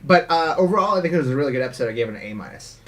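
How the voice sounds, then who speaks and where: A man's voice: fairly high pitch, animated, racing, fairly bright tone, distant mic. A man co-hosting a casual show review, thoughtful and a little hesitant. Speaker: show co-host.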